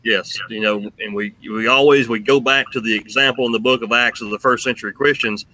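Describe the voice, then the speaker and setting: A man with a bright, forceful voice at a middling pitch. He speaks conversationally, as the interviewer in a religious discussion. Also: steady tone, fairly quick, low-quality recording. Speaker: interviewer, host.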